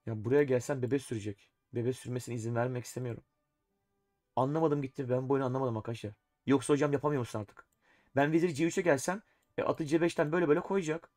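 A man's voice: mid-range voice, steady tone, fast talker, a little mellow, no room sound, clean studio sound, faint music behind. A man streaming a live chess game, thinking aloud and talking to his chat, often exasperated. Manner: talks to himself and chat while playing, exasperated.

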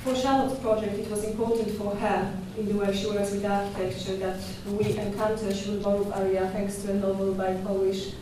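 A young woman curator giving a conference talk at a podium microphone in a dark lecture hall, measured and thoughtful with small hesitations and restarts. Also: medium pitch, little pitch movement, background noise. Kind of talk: conference presentation. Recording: echoey hall from far off.

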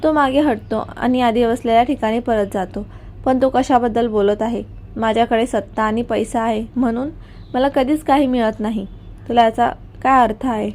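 A woman storyteller reading a scripted first-person story in a steady, even way. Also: a little high, moderate pace, a little hiss or hum.

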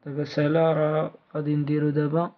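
A man's voice: a little high, completely flat delivery, quick pace. A man with a Moroccan accent, hosting a casual, off-the-cuff giveaway announcement vlog for his channel. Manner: informal, off-the-cuff. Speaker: video channel host. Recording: dull, lo-fi sound.

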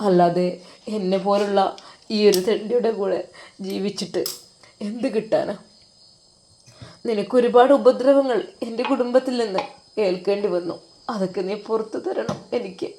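A woman with a Malabar Malayalam accent voicing a grieving young husband who speaks softly and tearfully. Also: moderate pace, pauses often, a little hiss or hum, close to an everyday voice. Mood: resigned. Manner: soft, tearful, low murmuring. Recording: roomy echo.

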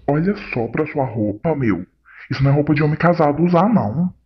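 This is a man vlogging a prank at home, with a slightly high, husky voice. He talks playfully and theatrically, straight to his viewers. The recording is dull and lo-fi, like a home video. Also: brisk. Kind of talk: casual prank vlog.

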